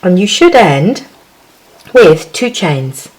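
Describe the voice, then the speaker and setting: A woman's voice: on the low side, sing-song, slow pace, darkish tone, low-quality recording. A woman hosting a casual crochet tutorial, chatty and giggly, counting stitches aloud as she works.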